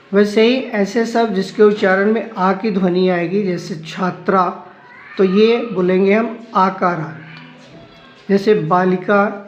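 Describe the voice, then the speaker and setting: Slow, high-voiced man teaching. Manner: slow, step-by-step explaining. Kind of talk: explaining a Sanskrit lesson. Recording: roomy, dull lo-fi sound with faint music.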